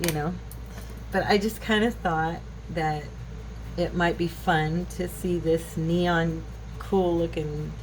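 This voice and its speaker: Her low, slightly mellow voice drifts through a casual craft tutorial as she wanders between thoughts. She's a woman in her fifties running a craft channel, filming at a craft table in her home on a clearly noisy recording.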